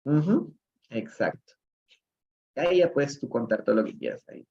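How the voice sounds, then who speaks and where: A man's voice: mid-range voice, expressive, normal speed, mellow. A man with a Peruvian Spanish accent teaching English live online, explaining step by step and asking questions of the chat. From Peru. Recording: slightly dull, lo-fi livestream audio.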